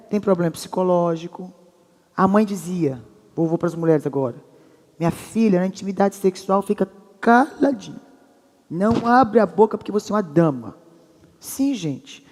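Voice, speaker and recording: A middle-aged woman who preaches with humor and speaks straight to the audience as a lively storyteller. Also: mid-range voice. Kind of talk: humorous sermon teaching. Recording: long reverb of a large hall.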